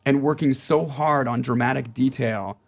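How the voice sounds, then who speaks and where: Husky, gravelly actor in his forties, swapping stories in easy conversation. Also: medium pitch, normal speed. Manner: animated storyteller, acts out quotes. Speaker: actor guest. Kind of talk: casual podcast chat.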